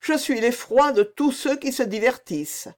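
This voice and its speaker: A woman's voice: fairly high pitch, moderate pace, a little mellow, voice pushed up, natural voice. A woman reading the part of a tearful young queen who complains plaintively of neglect.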